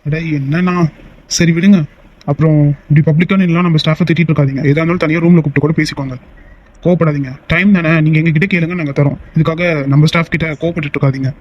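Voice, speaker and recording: A man voicing a young male boss in an animated short, speaking in a firm but reassuring way. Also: fairly high pitch, fast talker, lo-fi sound, natural voice. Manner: firm then soothing, reassuring tone. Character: young male company boss, calm and kind. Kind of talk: Tamil animated short voice acting.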